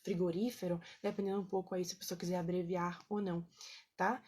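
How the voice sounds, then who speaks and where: Husky woman teaching. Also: on the low side, flat delivery, fairly quick, a little mellow. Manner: chatty, with many fillers and checks like "né?" and "tá?"; greets viewers by name between points. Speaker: Italian teacher on a live stream. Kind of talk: casual live-stream teaching.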